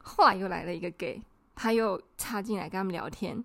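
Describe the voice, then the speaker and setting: A woman, co-hosting a podcast and telling a story in an indignant, animated way, acting out the people she quotes. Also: mid-range voice, brisk, gravelly, dry recording. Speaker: podcast co-host. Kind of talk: casual storytelling chat.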